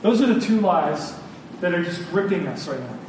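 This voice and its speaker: Expressive and high-pitched, a man preaches at a moderate pace, earnest and informal, leaning on repeated phrases to drive points home. He's recorded in a very echoey room from a distant mic, with clear noise.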